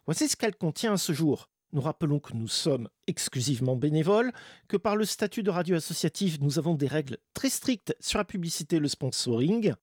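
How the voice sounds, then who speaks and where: High-pitched male radio presenter, dry sound. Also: expressive, fairly quick, darkish tone, slightly rough, dry recording. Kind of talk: semi-scripted radio chronicle.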